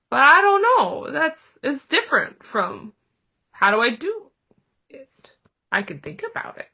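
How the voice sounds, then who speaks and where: A woman acts out a small, timid piglet with a bright, fairly high voice. The little creature is anxious and unsure of itself, speaking slowly and haltingly with a stammer, as a character in a role-played drama. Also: creaky, exaggerated voice. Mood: unsure, hopeful. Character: small anxious piglet, timid, self-doubting, eager to try.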